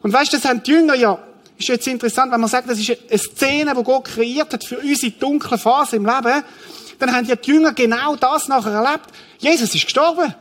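A man's voice: very high-pitched, a little fast, a bit bright. A middle-aged man preaching a sermon, telling the story vividly and acting out the scene. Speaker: pastor.

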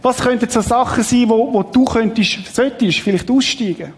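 A man's voice: extremely high pitch, normal speed. A middle-aged man, giving a conversational sermon as a pastor and asking the congregation questions. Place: church hall. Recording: long hall reverb.

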